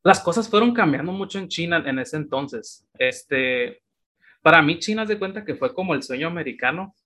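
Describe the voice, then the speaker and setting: A Mexican man in his thirties talks through his past as an interview guest. His voice is bright and forward, and he keeps a loose, chatty flow full of little fillers. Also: on the high side, normal speed. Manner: relaxed storytelling with many fillers. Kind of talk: casual interview chat.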